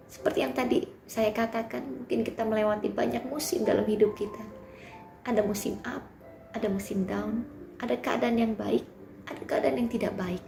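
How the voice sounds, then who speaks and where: A woman preaching a sermon at a youth service, emphatic, swinging from loud declarations down to soft near-whispers. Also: a little high. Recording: roomy sound with clear music behind.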